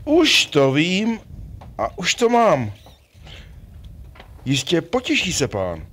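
A man's voice: fairly high pitch, wildly swooping pitch, a bit bright, full character voice. A man playing an obliging, clownish servant in a rhymed puppet play, comic and folksy.

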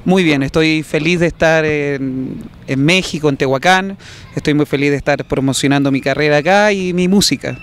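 A young man from southern Chile, a singer with a Chilean accent, answers casually in a promotional interview held in an open public plaza. His voice sits on the high side at a normal pace, picked up by the interviewer's handheld reporter mic with slight background noise.

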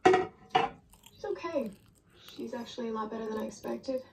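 A woman's voice: fairly high pitch, unhurried, vocal fry, a little mellow, recorded from a distance, a little hiss or hum. An actress playing a caring young woman who comforts her friends in a TV drama. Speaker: character in a TV drama. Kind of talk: scripted TV drama acting. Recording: TV audio heard from across a roomy space.

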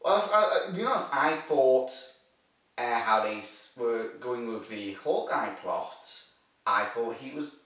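A man hosting a casual movie review chat, talking excitably and rambling with lots of filler words. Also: mid-range voice, unhurried. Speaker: host. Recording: echoey room, distant from the mic.

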